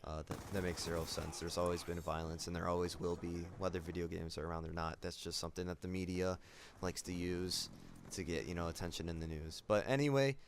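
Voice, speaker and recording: A young man talking in a casual vlog, subdued and somber, halting with many fillers and restarts. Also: deep voice, steady tone, slight background noise. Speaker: gaming YouTuber.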